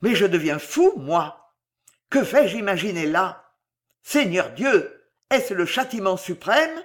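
A reader voicing a huge, rough male executioner who declaims with big emotional swings. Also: medium pitch, very animated, takes it slowly. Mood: bewildered.

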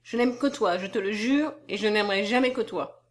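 In this audiobook, a woman voices a teasing, self-assured young suitor, staying near her natural voice at a medium pitch and a brisk pace. The character shifts between mocking and lecturing, half solemn and half playful, with a lively manner throughout.

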